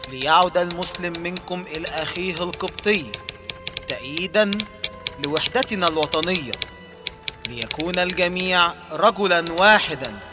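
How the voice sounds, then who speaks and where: Brief: revolutionary orator, declamatory reading, clear music score underneath. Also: male voice, high voice. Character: fiery revolutionary orator reading his appeal. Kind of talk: read proclamation.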